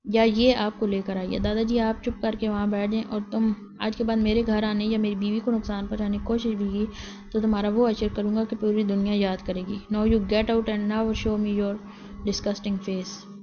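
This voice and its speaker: A woman voicing a stern, possessive young husband who gives commands and also comforts gently. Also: medium pitch, level tone, natural voice. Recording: slightly dull lo-fi recording.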